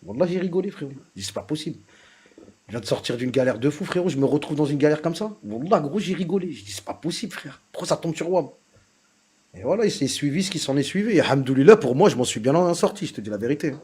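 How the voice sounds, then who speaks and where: A male livestream host with a French suburban street accent. He talks very quickly in casual street slang full of oaths, and his fairly high voice has a husky grain. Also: lively intonation, darkish tone. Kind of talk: casual livestream group chat.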